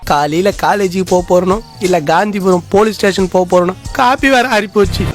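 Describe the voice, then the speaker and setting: A man's voice: high voice, brisk, soft background music, lightly acted. An actor playing a fed-up man who grumbles and complains.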